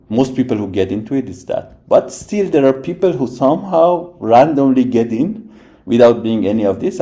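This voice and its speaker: His voice sits on the low side and sounds warm. This man from Iran, a robotics professor, reflects on his background in a casual podcast interview, thoughtful, with many restarts and frequent "right?" tags.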